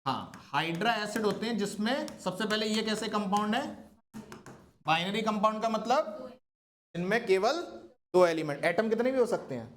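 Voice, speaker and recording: A man's voice: high-pitched, animated, normal speed, fairly bright tone. A man teaching a chemistry class, constantly asking his students questions and coaxing them to answer. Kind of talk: classroom lecture.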